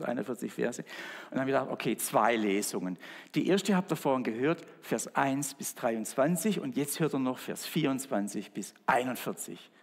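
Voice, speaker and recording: A man with a husky voice preaches to his congregation in a casual, chatty way. His voice carries a long church reverb. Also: mid-range voice. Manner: chatty, addresses the congregation directly. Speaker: pastor. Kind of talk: sermon.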